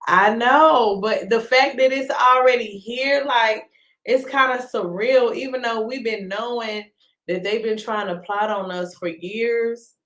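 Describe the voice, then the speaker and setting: A woman's voice: a little high, unhurried, fairly bright tone, reverberant. A woman hosting a casual live stream, talking in a drawling, exasperated, slangy way.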